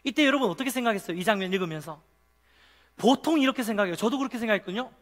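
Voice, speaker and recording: A man with a high, light voice preaches a youth sermon in a church sanctuary, and his words ring out with a long echo through the hall. He tells the story with animation, slips into little acted scenes, and keeps turning to ask his listeners questions. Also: lively intonation, rapid-fire. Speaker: pastor.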